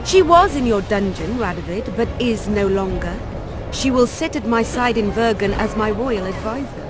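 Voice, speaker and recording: A woman's voice: medium pitch, expressive, normal speed, music in the background, close to an everyday voice. A woman playing a proud, defiant young rebel queen in a video game, speaking formally and firmly. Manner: formal, firm. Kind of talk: video game dramatic dialogue.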